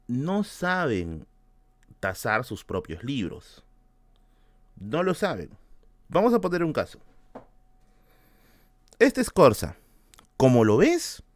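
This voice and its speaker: A man with a Peruvian Spanish accent, hosting a book channel and telling a story in casual talk, switching between loud bursts and hushed asides and swearing freely. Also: fairly high pitch, dry recording. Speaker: book-collecting channel host.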